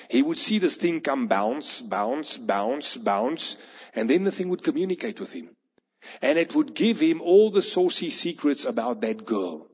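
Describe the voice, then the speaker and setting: Male preacher, husky voice. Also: on the high side, a little mellow. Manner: storytelling, acting out the people in a parable. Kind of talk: sermon. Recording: long hall reverb, dull lo-fi sound.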